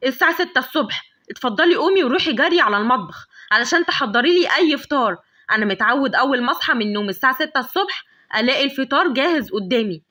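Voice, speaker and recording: A woman with an Egyptian accent voicing a cocky, bossy young man in a storybook tale, talking in a smug, teasing, lowered voice. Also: animated, very fast, bright, forceful tone, heavily acted.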